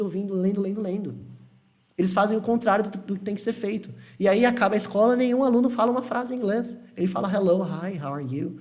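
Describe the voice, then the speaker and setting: Brazilian man teaching live, reassuring. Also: high-pitched. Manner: reassuring, repetitive, animated. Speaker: English teacher. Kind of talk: live-stream lesson reading chat questions.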